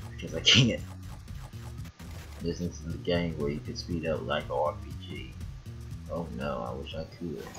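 A man giving casual let's play commentary as host of a gaming video. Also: rumbling low. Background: game music.

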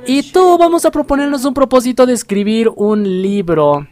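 A man's voice: sits high, very animated, moderate pace. A man doing playful, chatty let's play commentary for a life-sim game, reading game text aloud and laughing often between lines. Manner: playful, chatty, swings between loud exclamations and murmured asides; laughs often while talking. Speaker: gaming YouTuber.

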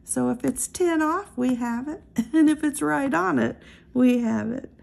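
A woman hosting a scratch-off ticket channel, reading numbers one by one in a slow, steady casual narration, recorded close indoors. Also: high-pitched, vocal fry. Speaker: lottery scratch-off channel host.

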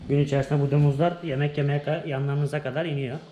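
A young travel vlogger walks through a small museum, naming exhibits one after another in short bursts as a casual guided walkthrough. His slightly high voice is steady, fast, and mellow, recorded in an echoey room with a noisy background.

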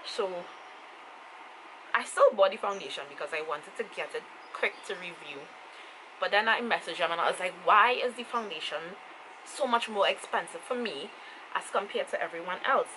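Speaking at a moderate pace in a fairly low voice, a young Trinidadian-accented woman in her twenties reviews makeup casually on camera as a beauty vlogger. The small-room home recording carries clear ambient noise.

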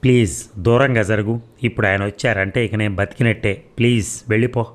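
A man's voice: fairly low pitch, steady tone, a little fast, lightly acted. A man voicing an unhappy young married woman whose lines are pleading and bitter, in a read-aloud story. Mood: tearful pleading.

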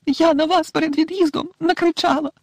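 A man voicing a frantic, tearful middle-aged witch mother in a high, shrill, sobbing voice, from an audiobook. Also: fairly even intonation, brisk, no room sound, studio quality.

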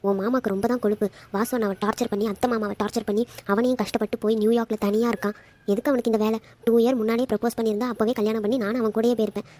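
A young woman voicing a lively, emotional bride-to-be in a cartoon, talking in a chatty, expressive way. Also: on the high side, very fast, close to an everyday voice.

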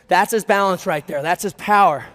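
A man's voice: sits high, fairly quick, fairly bright tone. An American man in his twenties coaching a group workout in a hyped, motivational gym-bro manner, giving cues and countdowns while exerting himself. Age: 20s. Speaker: fitness instructor leading a group workout. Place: large brick warehouse gym, indoors. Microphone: headset. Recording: reverberant large hall.

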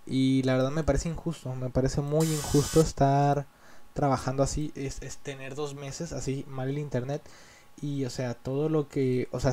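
A man's voice: mid-range voice, warm tone, slight background noise. A man with a Mexican accent chatting casually over gameplay as a gaming YouTuber, rambling and complaining in an annoyed way.

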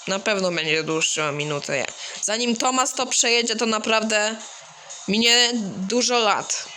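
A male gaming YouTuber giving excitable gameplay commentary, yelling and pleading at his in-game character. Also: high voice, measured pace, faint music behind.

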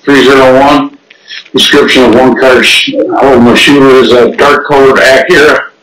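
A man's voice: medium pitch, flat delivery, moderate pace, a bit bright. A man, a security officer, reporting over a two-way security radio in clipped radio codes. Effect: two-way security radio transmission. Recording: noisy, echoey, distant radio audio.

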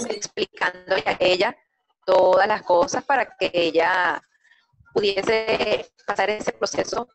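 A woman speaking as an interview guest over a crackly, choppy call connection, soft-spoken and halting, often repeating her words. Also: mid-range voice, creaky. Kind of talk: casual remote interview. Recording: noisy, crackly remote call line.

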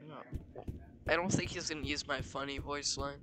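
A man's voice: a little high, steady tone, normal speed, pushed and bright. A teenage boy giving casual, joking gaming commentary while chatting with a friend. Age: teens. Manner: joking, rambling. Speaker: streamer. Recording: noisy game-audio background.

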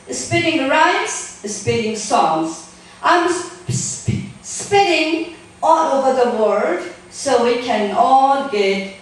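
At a poetry open mic, a middle-aged guest reader introduces and performs spoken-word pieces slowly and deliberately, her voice fairly high. She holds a handheld microphone on a small indoor theater stage. A distant camera captures her from afar in a very echoey room.

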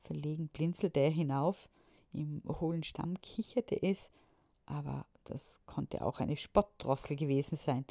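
Woman storybook reader, calm and whispery, low gravelly voice, very unhurried. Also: no room sound, clean studio sound. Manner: calm, measured, whispery narration. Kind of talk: reading a children's story aloud.

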